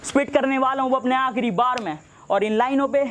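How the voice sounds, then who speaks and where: A young man with a very high voice delivers boastful battle-rap lines at an opponent. He sounds mocking and builds each line toward its punchline. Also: brisk, heavy background noise. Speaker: battle rapper.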